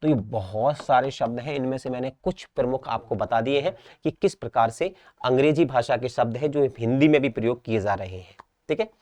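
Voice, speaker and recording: A man's voice: mid-range voice, a little fast, a little mellow, no room sound. A young man from India with a Rajasthan Hindi accent, teaching an exam-prep class, repeating words and checking understanding. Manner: repetitive, drills each word, checks understanding.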